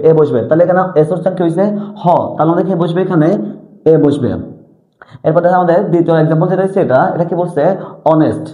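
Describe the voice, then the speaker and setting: A man teaching an English grammar lesson, repeatedly asking and answering his own questions. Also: fairly high pitch. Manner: repetitive question-and-answer drilling. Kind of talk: classroom-style lesson explanation. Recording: tinny lo-fi audio in an echoey room.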